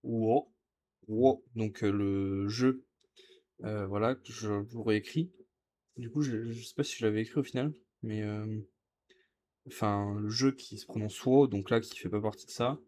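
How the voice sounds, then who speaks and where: A man's voice: lowish voice, steady tone, dark tone. A man who is a beginner, showing how he writes Chinese characters in a casual tutorial, hesitant and correcting himself as he goes. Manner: hesitant, self-correcting, repeats words slowly. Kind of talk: casual tutorial while writing. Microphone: camera filming his writing.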